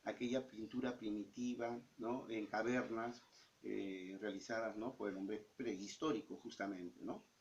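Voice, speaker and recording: A man's voice: on the low side, fairly even intonation, a little slow. A male teacher explaining exercises step by step, often checking in with the student. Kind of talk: recorded lesson explaining exercises. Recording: dull lo-fi sound.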